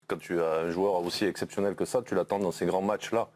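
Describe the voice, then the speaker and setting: A low-pitched man speaking as a regular pundit on a TV football show. He talks bluntly and critically, often restarting his phrases as he builds his argument. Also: steady tone, fast talker, darkish tone. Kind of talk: TV studio debate.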